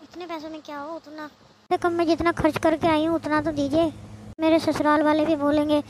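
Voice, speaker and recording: A woman voicing a lively, outspoken young married sister in a cartoon, talking in a chatty, reasoning way. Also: high-pitched, fairly quick, noisy background, natural voice. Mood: arguing. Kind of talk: cartoon voice acting. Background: background music.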